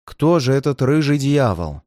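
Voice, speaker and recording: A man's voice: mid-range voice, big pitch swings, normal speed, no echo, lightly acted. A man voicing a stern male detective who speaks dryly and firmly. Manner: dry and firm, sometimes gentle.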